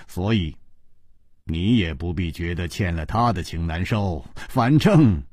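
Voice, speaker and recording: A man's voice: fairly low pitch, a little mellow, no echo, clean studio sound, exaggerated voice. A man voicing an easygoing, witty male hero in a storybook reading, speaking in an amused, laid-back way.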